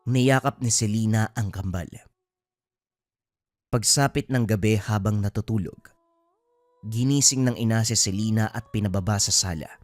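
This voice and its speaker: A man narrating a horror story in a steady, solemn storytelling manner. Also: lowish voice, normal speed, long pauses, no room sound.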